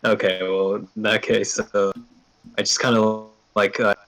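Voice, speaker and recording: A man's voice: lowish voice, little pitch movement, measured pace, fairly bright tone, poor audio. A man playing a tabletop game, casual and full of fillers. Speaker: player.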